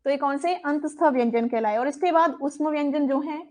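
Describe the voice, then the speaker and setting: A woman's voice: high-pitched, fairly quick, darkish tone. A woman teaching a Hindi grammar lesson for exam coaching. She repeats terms and asks questions, then answers them herself.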